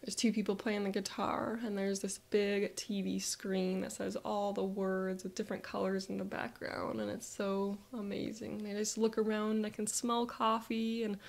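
A woman narrating a guided visualization in a soft, reflective way that often drops to a whisper. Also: mid-range voice, little pitch movement, moderate pace, gravelly, few pauses.

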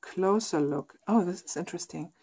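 A woman's voice: on the low side, normal speed, warm tone, breathy edge. Female host chatting through an unboxing, reads guidebook passages aloud, eager and effusive. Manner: enthusiastic, gushing over artwork. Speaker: tarot deck reviewer. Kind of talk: casual unboxing chat, reading aloud.

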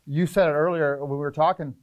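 Animated middle-aged man explaining fishing plans. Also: on the high side. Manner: energetic, gestures a lot, lists points rapidly. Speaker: fishing charter captain, guest. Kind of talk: casual explanatory interview talk. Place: fishing tackle shop room, indoors.

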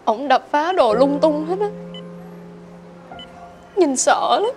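An actress playing a remorseful young sister-in-law, pleading tearfully at a bedside. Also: female voice, sits high, animated, takes it slowly. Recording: drama music under the voice.

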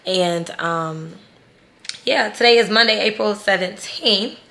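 A woman's voice: medium pitch, takes it slowly, gravelly, pushed and bright. A woman in her thirties vlogging casually to camera in an emotional, rambling way. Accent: Southern US. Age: 30s. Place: resort room. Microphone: phone or camera held to self.

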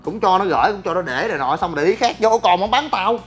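A man, a gym business owner ranting to his viewers in a blunt, crude and animated way and often asking "right?". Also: sits high, fast, faint music behind. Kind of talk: casual ranting talk to viewers.

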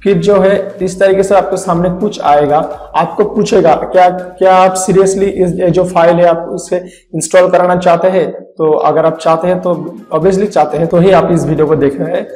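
A man talks viewers through a computer setup one click at a time, his fairly high voice ringing in a roomy space. The reverb hangs on his words, and soft music plays faintly underneath. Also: fairly even intonation, moderate pace. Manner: step-by-step explaining. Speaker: tech tutorial host. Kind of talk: screen-recorded tutorial.

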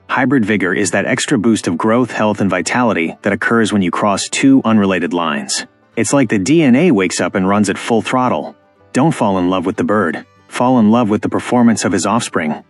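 The scripted voice-over about farm breeding comes from a male farming channel narrator who sounds emphatic and instructive. His pitch is fairly low, and the close, dry recording carries faint music.

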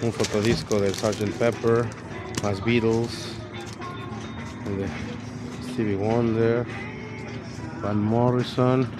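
Speaking slowly over music with frequent pauses, this vlogger has a lowish voice with little pitch movement. He's a man in his thirties wandering an outdoor swap meet, casually rambling about and listing what he sees, with an action camera on his body or in his hand.

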